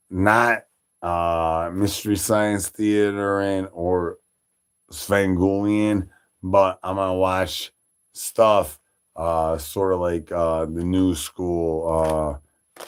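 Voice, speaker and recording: A man from Chicago talks on his livestream in a deep, unhurried voice. He rambles casually, swears freely, and stops to throw out shout-outs, with a lot of "like" and "uh" along the way. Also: clean tone. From Chicago, Illinois. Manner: loose, profane, full of fillers and shout-outs. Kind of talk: rambling casual stream chat.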